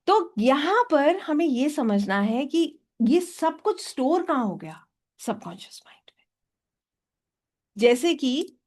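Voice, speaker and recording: A woman teaching a hypnotherapy workshop, often checking with her audience for a yes or no. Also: high-pitched. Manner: asks the audience for yes or no, mixing in English phrases. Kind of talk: workshop lecture.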